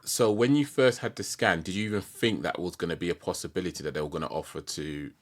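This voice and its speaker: A man's voice: low voice, fast talker. A British man hosting a conversational podcast interview, asking reflective questions in an informal way. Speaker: podcast host.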